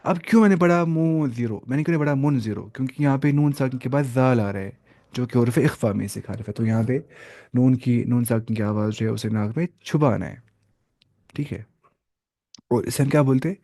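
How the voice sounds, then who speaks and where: A young man teaches a live online Quran reading lesson in a mellow, mid-pitched voice. He sounds out each letter and vowel mark slowly before blending them into whole words. He often poses a question and answers it himself, checking that his students follow.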